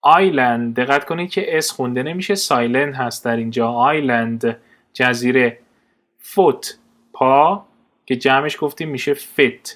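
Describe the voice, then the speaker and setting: A man with a Persian accent teaches English vocabulary in a steady drill. He reads each English word and then gives its meaning, in a voice of middle pitch.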